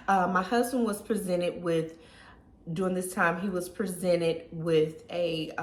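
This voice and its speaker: A woman in her thirties telling a personal story to her viewers in a casual, emotional way, often saying "y'all". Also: fairly low pitch. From Southern US. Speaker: lifestyle vlogger. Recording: echoey room.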